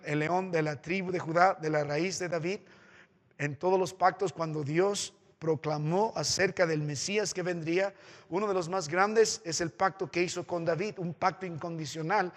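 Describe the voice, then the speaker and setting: A man with a Peruvian Spanish accent preaches a sermon as a pastor, swinging passionately between loud exhortation and quiet consolation, with sweeping shifts in pitch and loudness. He is in a church sanctuary, and the recording carries church hall reverb.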